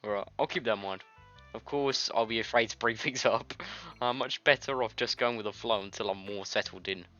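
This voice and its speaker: A video game let's-player with a lowish voice speaks briskly and sharply, joking around informally as he reads a visual novel's text aloud. He has a nasty cold, sounding congested and coughing. Behind the dull lo-fi mic, game music plays.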